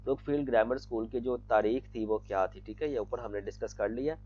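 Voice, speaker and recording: A man's voice: mid-range voice, fairly quick, a little mellow, dull audio, faint music behind. A man patiently teaching vocabulary, often repeating himself and addressing students as children. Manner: patient, repeats "theek hai" and calls students "bete". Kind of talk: explaining vocabulary lesson.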